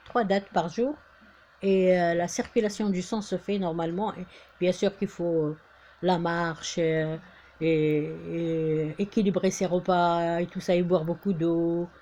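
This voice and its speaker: A woman's voice: fairly low pitch, dark tone, highs cut off. A woman from Algeria talking casually to camera, hesitant with many fillers and restarts, turning insistent when she urges people on. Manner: insistent, exhorting. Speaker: vlogger.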